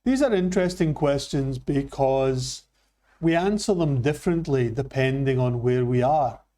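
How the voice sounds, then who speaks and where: A man from Scotland with a Scottish accent, teaching an English lesson with slow, careful delivery. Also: mid-range voice, dark tone. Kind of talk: classroom lesson.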